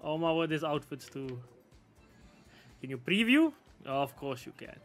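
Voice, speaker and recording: A man walks through a game's menus in a relaxed, slangy way, thinking out loud as he goes. His voice sits a little high for a man, and game music plays faintly underneath. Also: moderate pace. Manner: slangy, laid-back, thinks aloud with frequent laughs. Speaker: gaming YouTuber. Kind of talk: casual game walkthrough commentary.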